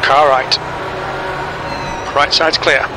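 A man giving terse race spotter radio calls as crew chief, clipped, flat and businesslike. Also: fairly high pitch, very slow. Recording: loud car engine noise behind. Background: racing car engine.

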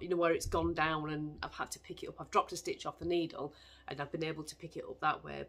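A woman's voice: deep voice, fairly bright tone. A woman hosting a crafting podcast, chatting casually and telling a story about herself with a laughing, self-mocking tone. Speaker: podcast host. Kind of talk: casual chat.

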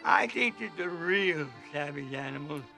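An actor playing a cold male captor who speaks in a measured, formal way. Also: a little high, lively intonation, vocal fry, sharp tone, soft background music, heavily acted. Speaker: film character.

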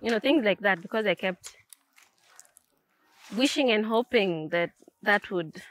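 A young woman with a Kenyan accent, a guest telling a personal story in relaxed conversation, reflective and slipping into Swahili phrases. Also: mid-range voice, a little slow, no room sound. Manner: reflective, mixes in Swahili phrases, frequent restarts. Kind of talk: personal storytelling in casual chat.

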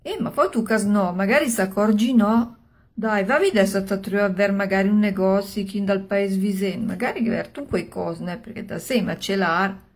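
A woman's voice: medium pitch, moderate pace. A woman in her sixties with a Milanese accent tells an old tale in a colloquial, conversational way, in short phrases with interjections, acting out the dialogue. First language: Milanese dialect. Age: 60s. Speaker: storyteller. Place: small room at home.

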